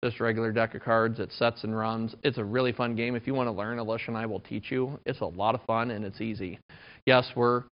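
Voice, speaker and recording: A man's voice: lowish voice, steady tone, fairly quick. A man in his thirties preaching a sermon in a conversational, self-deprecating way. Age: 30s. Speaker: pastor. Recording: dull lo-fi recording.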